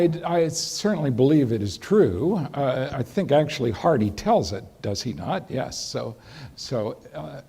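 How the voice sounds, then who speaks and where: This older lecturer's medium-pitched voice is mellow and husky as he relates a drawn-out anecdote in a lecture hall. He's a rambling storyteller, restarting frequently, with a dry wit for his audience.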